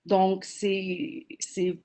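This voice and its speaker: A woman's voice: medium pitch, completely flat delivery, extremely slow, dark tone, a little hiss or hum. A woman, speaking as a panelist in a webinar over a video call, earnest and explanatory with frequent hesitations. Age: 40s.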